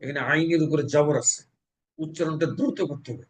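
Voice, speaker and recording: Bangladeshi guy teaching quran recitation, fairly high voice, stretches out the verses slow. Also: steady tone, low-quality recording. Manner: explains slowly, chants verses in drawn-out recitation. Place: mosque.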